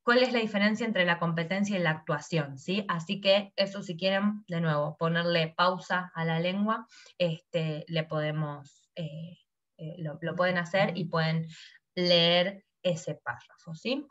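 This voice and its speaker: A woman's voice: on the low side, a little slow, a bit bright, dull audio. A woman, teaching a lesson and explaining slides, who acts out her examples with a changing tone.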